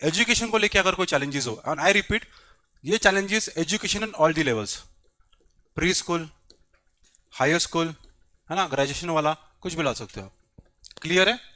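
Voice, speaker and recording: Guy teaching exam prep, kinda high bright voice, switches hindi and english, keeps asking the class stuff. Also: animated, a little slow, long pauses. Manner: quizzes the class and repeats key points; switches between Hindi and English mid-sentence. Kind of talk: classroom lecture.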